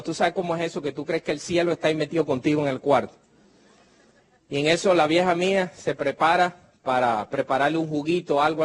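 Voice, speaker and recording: A man with a fairly high, husky voice preaches a sermon. He moves between slow, weighty declarations and loud, shouted proclamations. He also tells stories in a chatty way, acting out what other people said. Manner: conversational storytelling, acting out other people's words.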